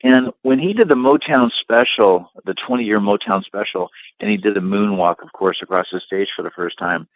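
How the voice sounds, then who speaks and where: A middle-aged man, founder of a limousine company, telling long anecdotes with lots of fillers in a relaxed interview. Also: on the low side, moderate pace, vocal fry, no echo, muffled recording. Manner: rambling anecdotes with many fillers.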